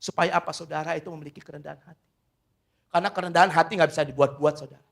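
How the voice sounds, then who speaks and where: A middle-aged man preaching a sermon as pastor, swinging between loud emphatic lines and quiet asides, often calling the listeners "saudara". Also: fairly high pitch, fairly even intonation, very fast, gravelly.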